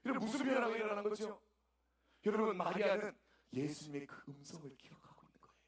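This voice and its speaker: A man's voice: sits high, expressive, fast talker. A man preaching a sermon as pastor, emphatic and repeating words as he speaks to the congregation in a church. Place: church sanctuary. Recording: echoey church hall, distant mic.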